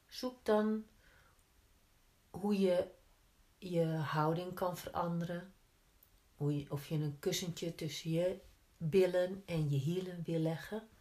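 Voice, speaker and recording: A woman teaching yin yoga, guiding gently step by step with unhurried pauses between instructions. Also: lowish voice. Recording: roomy, echoing indoor sound.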